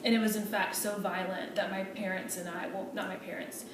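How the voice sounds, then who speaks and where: A woman's voice: mid-range voice, little pitch movement, fairly quick, natural voice. A woman playing a hesitant, earnest medical student. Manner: polite, hesitant, with many fillers and restarts. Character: earnest female medical student pleading for accommodations. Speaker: student in a meeting role-play. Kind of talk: role-play meeting. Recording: echoey room, distant mic, noisy.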